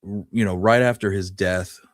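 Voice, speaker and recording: On a dry recording, a man with a lowish voice speaks at a moderate pace in a steady tone. He co-hosts a Western history show, explaining things in an informal, conversational way during a casual history discussion.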